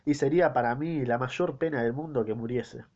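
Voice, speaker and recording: Argentine man reading as an anxious old father, formal, mid-pitched, dull lo-fi recording. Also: moderate pace, darkish tone, lightly acted. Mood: earnest. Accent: Argentine Spanish. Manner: formal, earnest. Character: worried wealthy old father.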